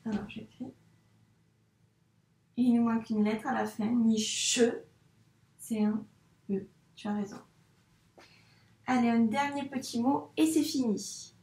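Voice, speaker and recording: A woman teaching young children a dictation, patiently spelling out sounds and syllables clearly for a child. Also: fairly high pitch, steady tone, a little slow, pauses often, dark tone. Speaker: primary school teacher. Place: room with a whiteboard. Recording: echoey room.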